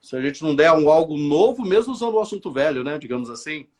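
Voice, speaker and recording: A man with a slightly husky voice that swings up and down as he talks, carrying the drawn-out R of the São Paulo countryside. He hosts a relaxed interview in a friendly, enthusiastic way. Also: fairly high pitch. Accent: São Paulo countryside, rolled-back R. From Campinas, São Paulo state, Brazil. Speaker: host, nurse. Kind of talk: casual interview chat. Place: online live interview.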